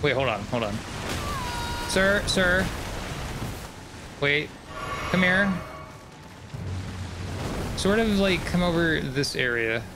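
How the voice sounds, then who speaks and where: A man's voice: fairly high pitch, animated, slow, pauses often, over music. A man streaming a video game, commenting casually, swearing often and bursting into sudden screams. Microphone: desk microphone.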